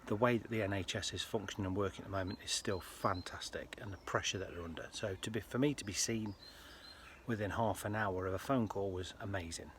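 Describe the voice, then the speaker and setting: This health vlogger is a British man whose voice sits fairly low, and he addresses viewers casually in a personal vlog. His earnest speech comes out in halting bursts, the tone leans a touch bright, and a faint hum of ambient noise lingers behind him.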